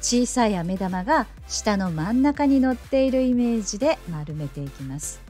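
英語の発音を丁寧に教える女性の先生で、子どもに語りかけるように楽しげに誘導する。. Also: female voice, normal speed, soft background music. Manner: playful, coaxing as if to children; animated, lively pitch. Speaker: English teacher. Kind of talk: pronunciation lesson.

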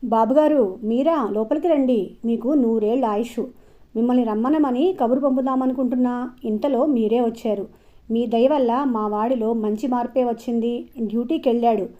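A woman's voice: a little high, moderate pace, dull audio, close to an everyday voice. A woman storyteller voicing a humble, grateful older widow who speaks politely and deferentially.

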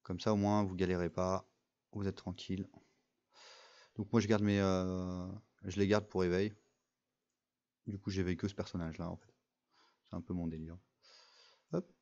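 A man's voice: low voice, level tone, moderate pace, pauses often, darkish tone, highs cut off. A young man giving casual, rambling commentary over a mobile game, full of fillers and restarts. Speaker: gaming video creator.

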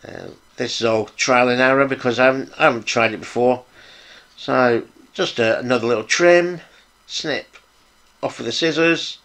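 A man's voice: mid-range voice, moderate pace, a bit bright. A middle-aged British man casually narrating a hands-on hobby build vlog in an informal, appreciative, chatty way. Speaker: hobby video host, model car builder.

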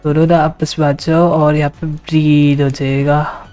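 A man's voice: fairly high pitch, little pitch movement, measured pace, darkish tone, clean tone, soft background music. A man giving casual let's-play commentary, rambling and coaxing the animals in a sing-song voice. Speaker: gamer.

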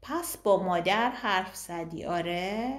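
A woman's voice: mid-range voice, close to an everyday voice. A woman reading an audiobook voices a chatty adult woman friend who banters and gossips, in a roomy recording. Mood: teasing.

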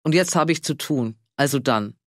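A man voicing a curt, gruff farmer who talks slowly and brushes people off. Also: mid-range voice, dry recording, studio quality, natural voice. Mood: rude. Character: gruff, boozy rural male farmer.

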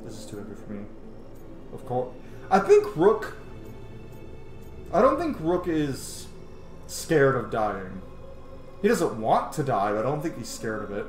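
Recording let's-play commentary from a small room at home, this thirty-something streamer and video host sounds casual and enthusiastic, tossing in chatty asides. His mid-range voice swings hugely in pitch, moves a little slowly, and pauses often. Game music and dialogue play behind him in a roomy-sounding space.

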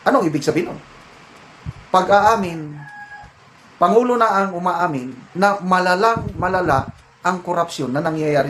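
A man's voice: fairly high pitch, a little hiss or hum, rough recording. A man with a Filipino accent giving casual, opinionated political commentary and mixing English phrases into his talk.

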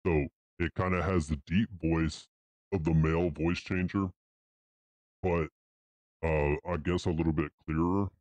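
A man reviewing gear, talking plainly through a deep pitch-shifting voice changer preset. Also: steady tone, a little slow, pauses often, darkish tone, dry recording. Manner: plain explanatory talk with fillers. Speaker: tech reviewer. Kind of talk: casual product demo.

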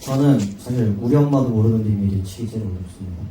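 A man who plays bass in a band speaks quickly and offhandedly at a live showcase Q&A. He is heard from a distance in an echoey hall. Loud background noise and clicks sit under the voice. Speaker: bassist in a band.

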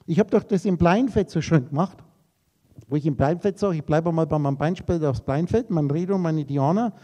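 A man's voice: fairly high pitch, a little fast, dark tone. A man giving a spiritual lecture to a live audience, rambling through associative wordplay on names and letters and talking to his listeners directly and informally. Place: lecture room.

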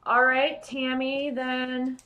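A woman's voice: high voice, completely flat delivery, takes it slowly, sharp tone, muffled recording. A woman hosting a live pearl-opening sale, chatting casually and gushing to viewers by name. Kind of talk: casual live-stream sales chat.

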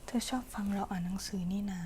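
A woman voicing a caring girlfriend in a whispered role-play, soft breathy pillow talk, as if reading her partner to sleep. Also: mid-range voice, fairly even intonation, fast talker, a little hiss or hum, lightly acted. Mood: soothing, tender.

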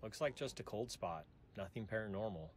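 A man voicing a low-voiced game ghost hunter. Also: lively intonation, brisk, a little hiss or hum, close to an everyday voice. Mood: matter-of-fact. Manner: matter-of-fact remarks on evidence. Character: dry male ghost-hunting investigator in a game. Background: game music.

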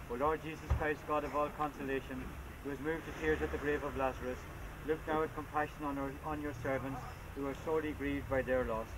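Solemn priest praying at an outdoor graveside. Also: male voice, fairly high pitch. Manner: measured, formal liturgical delivery. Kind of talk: solemn funeral prayers read at a graveside. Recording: noisy, windy outdoor camcorder recording.

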